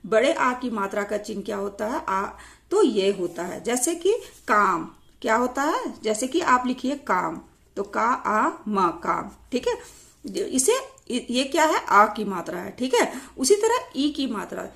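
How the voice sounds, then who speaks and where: A woman teaching Hindi vowel signs, spelling each word out sound by sound in a slow, repetitive way. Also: a little high, big pitch swings, creaky, a bit bright. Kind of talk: explaining lesson on vowel signs.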